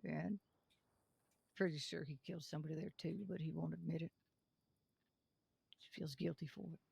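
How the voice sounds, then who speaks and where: A man role-plays a young lawman in a game, earnest and folksy. His is heavily creaky and husky, sitting a bit high for a man. He speaks in a measured, hesitant way with little swing in pitch. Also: steady tone, darkish tone, no room sound, full character voice. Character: young Western lawman, son of a reformed outlaw, earnest. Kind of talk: improvised Western role-play.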